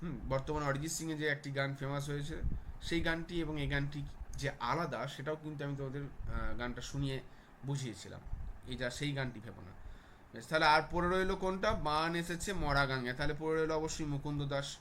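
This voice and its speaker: A man's voice: on the high side, steady tone, fairly quick, fairly bright tone, slight background noise. A man teaching a class, walking students through exam answers and often checking that they follow.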